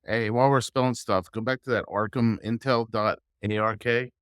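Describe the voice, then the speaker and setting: A man with a mid-range, slightly bright, clear and resonant voice speaks at a normal speed with fairly even intonation, in clean studio sound with no room echo. He hosts a casual podcast, curious and asking lots of questions.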